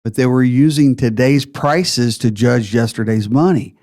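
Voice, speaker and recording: A man's voice: mid-range voice, unhurried, darkish tone. Emphatic man laying out numbers. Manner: emphatic, lays out figures step by step. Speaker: retirement planner host. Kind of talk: explanatory podcast talk.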